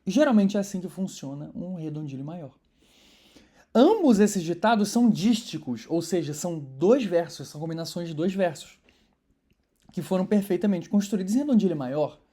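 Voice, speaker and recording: A woman's voice: lowish voice, expressive, normal speed, dark tone, breathy edge. A woman teaching an online poetry course, explaining in a conversational way and stressing syllables as she scans verses.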